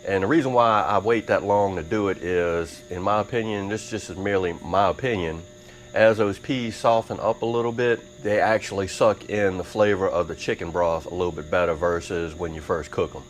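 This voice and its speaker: A man's voice: low voice, fairly even intonation, fairly quick, low-quality recording. A Southern man hosting a casual cooking vlog, talking in a folksy, chatty drawl. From Mississippi. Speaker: cooking channel host. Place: workshop with insects outside.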